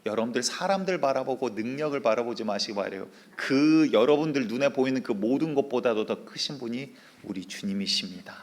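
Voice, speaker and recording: A man's voice: mid-range voice, expressive, a little fast, hardly any pauses. A man preaching a sermon in a conversational storytelling way. He retells a Bible story and keeps putting rhetorical questions to the congregation. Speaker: senior pastor.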